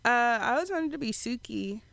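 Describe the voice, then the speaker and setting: A woman's voice: fairly high pitch, animated, a little fast, gravelly, a bit bright, no echo. Woman producer, casual rambling talker who swears freely; dry, close studio sound. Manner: rambling, many fillers and restarts, swears freely. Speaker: podcast producer. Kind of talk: casual chat. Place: podcast studio.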